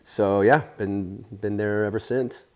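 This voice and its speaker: A man in his forties, raised in Spain, telling stories in a relaxed interview with plenty of fillers and restarts. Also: lowish voice, a little slow. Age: 40s. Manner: easygoing, rambling, with many fillers. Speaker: interview guest, surfer. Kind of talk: casual storytelling interview.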